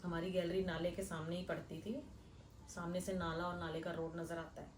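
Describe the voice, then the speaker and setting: A middle-aged woman from Delhi, earnestly retelling a frightening real-life experience in a hushed first-person way. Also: on the low side, flat delivery, normal speed, far from the mic, slight background noise. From Delhi, India. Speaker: storyteller. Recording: echoey room, voice a bit off-mic.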